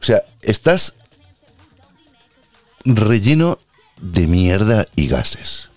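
A man from rambles through a crude, self-mocking comic monologue in a very low, deep voice. The sound is dry and close, with a little music far in the background. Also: very animated, very slow, a little mellow, dry recording. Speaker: host.

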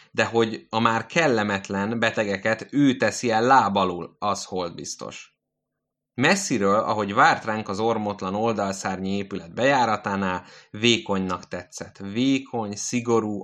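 A man narrating literary prose in a measured, deliberate reading. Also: lowish voice, fairly bright tone.

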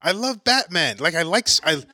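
A man's voice: on the high side, sing-song, normal speed, pushed and bright. A man co-hosting a podcast, chatting casually and arguing his point with playful restarts. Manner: opinionated, restarts often, playful. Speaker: podcast co-host. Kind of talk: casual chat.

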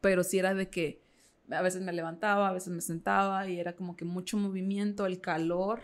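Woman guest, gravelly voice, candid storytelling, lots of fillers. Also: fairly low pitch, flat delivery, a little fast. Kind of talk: casual interview chat.

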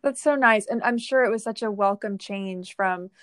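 A woman hosting an interview, who affirms her guest warmly and asks measured questions. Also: mid-range voice, dry recording, clean studio sound. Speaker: interview host. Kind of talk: casual interview conversation.

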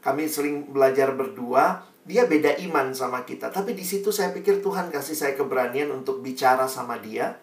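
A man's voice: mid-range voice, a little fast. Man preaching in an echoey room. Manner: storytelling, acts out quoted friends. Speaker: pastor. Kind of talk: sermon testimony. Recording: echoey room, distant mic.

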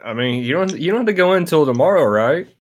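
Halting man in casual podcast chat. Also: fairly high pitch, animated. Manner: halting, lots of fillers and repeats. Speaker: podcast co-host.

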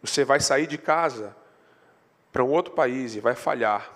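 Brazilian pastor preaching in a reverberant church. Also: male voice, measured pace, a bit bright. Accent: Brazilian Portuguese. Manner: storytelling, rising in pitch and force when stressing a point. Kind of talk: sermon. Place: church sanctuary. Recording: long hall reverb.

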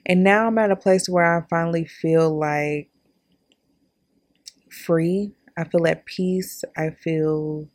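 A woman's voice: on the low side, steady tone, slow, a little mellow. A young woman in her twenties hosting a podcast, telling her own story in a candid, chatty way and talking straight to her listeners. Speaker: podcast host. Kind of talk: casual personal storytelling.

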